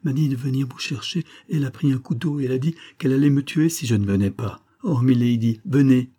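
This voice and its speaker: A man's voice: mid-range voice, normal speed, warm tone, slightly rough, pitched above the performer's own voice, lightly acted. A man voicing a breathless young servant girl in an audiobook, urgent and pleading. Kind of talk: audiobook character reading.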